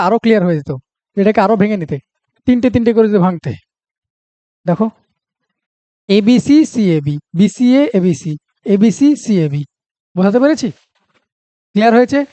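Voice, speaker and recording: A man's voice: high-pitched, darkish tone, no echo. A man with a Bengali accent teaching a reasoning lesson for exam prep, talking through each step aloud and checking that students follow.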